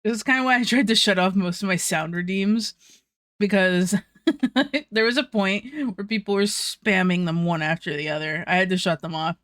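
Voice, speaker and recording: A woman's voice: medium pitch, moderate pace, fairly bright tone, dry recording, studio quality. A young woman streaming, chatting casually with viewers while eating, laughing often and swearing freely.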